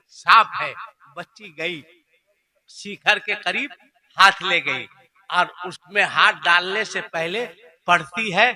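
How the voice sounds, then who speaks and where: A man with a high, very bright voice and a Jharkhand accent delivers a storytelling sermon. He takes his time, lets lines sink to a murmur, then flings them out in high shouts. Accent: Jharkhand Hindi. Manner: swings from hushed murmurs to high shouted outbursts. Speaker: preacher.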